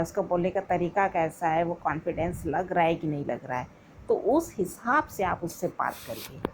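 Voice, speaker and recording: A woman's voice: fairly low pitch, gravelly, slight background noise, rough recording. A woman hosting a motivational video, giving casual spoken advice to viewers in a chatty, repetitive way and calling them friends. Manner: chatty, repeats phrases, addresses viewers as friends.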